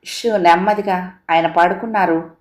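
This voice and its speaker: A woman voicing a soft-spoken married woman in a storybook tale, talking slowly and in a hush, recorded in a roomy space. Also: lowish voice, steady tone, lightly acted. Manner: hushed, slow and measured. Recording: roomy echo.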